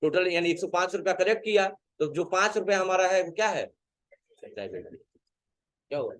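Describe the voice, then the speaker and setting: High-voiced man teaching a class. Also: fast, fairly bright tone. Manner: asks students questions and answers them himself. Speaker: computer teacher. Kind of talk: classroom lecture.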